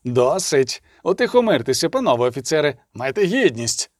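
Male reader voicing a firm, unmoved imperial officer in an audiobook; even and commanding, dry close sound. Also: a little high, moderate pace, dry recording. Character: stern imperial male official, calm and unyielding.

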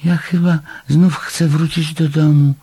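A man voicing a small, timid, excitable male creature who squeaks in a children's story. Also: measured pace, slightly rough. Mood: squeaky, eager.

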